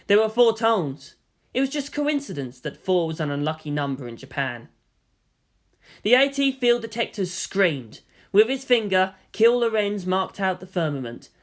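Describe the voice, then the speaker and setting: Reading fan fiction as an amateur audiobook narrator, this speaker keeps an even, unhurried pace and a steady mid-range pitch. Dialogue is performed in character, while the overall tone remains plain and matter-of-fact.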